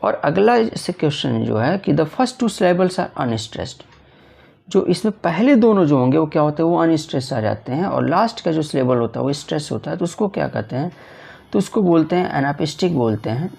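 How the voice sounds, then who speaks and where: A male teacher runs an exam-prep lesson in a gravelly, somewhat high voice. He keeps repeating himself, posing little questions and then answering them, and slows right down whenever he reads an English line. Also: big pitch swings, darkish tone. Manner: repetitive, asks and answers his own questions; reads English lines slowly then explains in Hindi.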